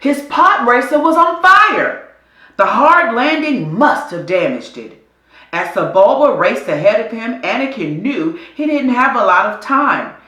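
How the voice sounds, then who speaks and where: An echoey space carries the voice of a woman narrating a children's adventure book. She sounds bright and sharply articulated, swinging her pitch lively, and paces the scripted story slowly for deliberate dramatic effect.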